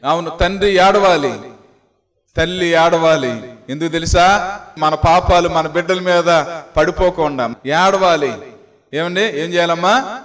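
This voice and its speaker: A man's voice: fairly high pitch, unhurried, long pauses, a bit bright. A male pastor preaching a sermon, repeating exhortations and asking his listeners rhetorical questions. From Andhra Pradesh, India. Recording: long hall reverb.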